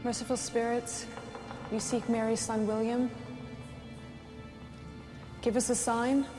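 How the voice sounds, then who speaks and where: A woman playing a spirit medium calling out at a seance in a documentary reenactment, intoning slowly. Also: fairly high pitch, flat delivery. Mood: solemn. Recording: reverberant documentary clip with music.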